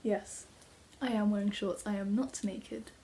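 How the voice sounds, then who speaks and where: A woman's voice: medium pitch, fairly even intonation, measured pace, warm tone, slight background noise. A teenage girl chatting to camera in a rambling, lightly sarcastic way, full of "like" fillers. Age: teens. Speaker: student vlogger. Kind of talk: casual sit-down chat to camera.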